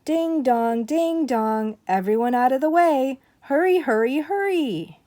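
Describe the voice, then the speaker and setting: A woman voicing excitable storybook firemen and sailors, calling out in an urgent, exclamatory way. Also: high voice, a little slow, no room sound, pitched above the performer's own voice. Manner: urgent, exclamatory, repeating words.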